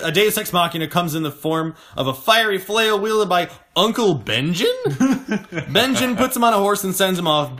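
A man's voice: a little high, fairly bright tone. A young man casually recapping a TV episode, joking and laughing often between points. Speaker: podcast host recapping episodes.

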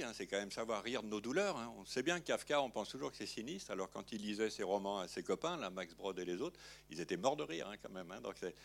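In an interview, a film director talks about his film in a lowish, creaky voice. His loose, unhurried sentences ramble and circle back, with gaps filled by small tag words, often "hein".

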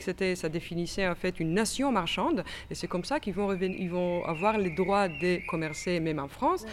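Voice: mid-range voice, a little hiss or hum. An exhibition curator explaining history in an interview, with frequent fillers and restarts. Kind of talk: expert interview answers.

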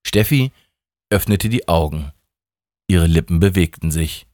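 Man reading a wry radio story, lowish voice, dry close sound. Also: expressive, a little slow, darkish tone, dry recording. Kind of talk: scripted story narration.

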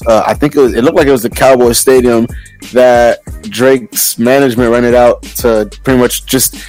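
A man's voice: medium pitch, steady tone, moderate pace, darkish tone, soft background music. A man co-hosting a casual podcast, talking loosely and profanely with frequent restarts. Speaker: podcast co-host. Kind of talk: casual chat.

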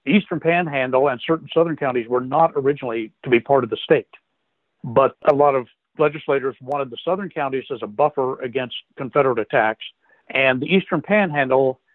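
Historian from West Virginia on a tinny line. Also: male voice, mid-range voice, no echo. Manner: measured, explanatory storytelling. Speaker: guest historian. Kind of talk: history interview storytelling. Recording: tinny phone-like line, dry.

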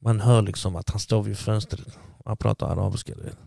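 Gravelly man telling a story. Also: lowish voice, no room sound, clean studio sound. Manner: animated storytelling, acting out what people said. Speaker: guest. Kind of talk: casual storytelling.

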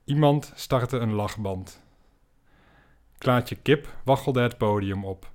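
A man hosting a podcast, telling an absurd comic story in a dry, deadpan way. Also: mid-range voice, slow pace. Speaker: podcast host.

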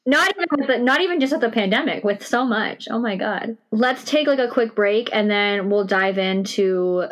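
A woman's voice: on the high side, normal speed, hardly any pauses, a bit bright. Woman podcast host chatting informally. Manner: informal, hedging with "like" and "you know". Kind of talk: casual podcast conversation. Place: recorded in a shed.

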